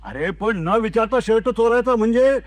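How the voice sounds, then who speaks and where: A man's voice: very high-pitched, lively intonation, normal speed, no echo, voice pushed up. A man voicing an indignant film director who scolds his washerman. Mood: exasperated. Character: exasperated male film director.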